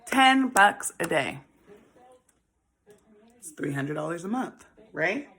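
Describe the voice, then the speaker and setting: She's in her forties, with a low, fairly bright voice that's very animated and slow. As host of a casual talk on saving money, she chats freely, laughs often, and calls people honey and baby.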